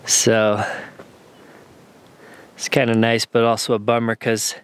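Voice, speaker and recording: A man in his thirties narrating a casual camping vlog outdoors, explaining his gear in a relaxed, easygoing way. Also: mid-range voice, slow, clean tone. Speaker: camping vlogger. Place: outdoors at a mountain campsite.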